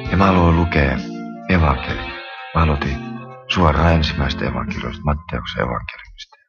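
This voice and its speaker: A man's voice: rumbling low, creaky. A man giving an earnest spoken conversion testimony, telling it in a plain, colloquial storytelling way. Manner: earnest, colloquial storytelling with a recurring stock phrase. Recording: dull lo-fi recording with music behind.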